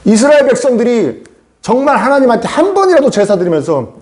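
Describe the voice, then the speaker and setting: A male pastor giving a lively sermon. He keeps asking the congregation questions and acts out the voices he quotes. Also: extremely high pitch, fast.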